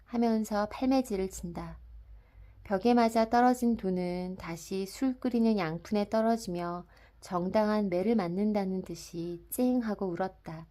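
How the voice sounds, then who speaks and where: Soft-spoken woman audiobook narrator. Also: medium pitch. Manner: soft, even, unhurried reading. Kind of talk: calm literary audiobook narration.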